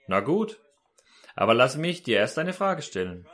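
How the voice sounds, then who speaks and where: A preacher voicing God, calm and measured as he answers the man. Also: medium pitch.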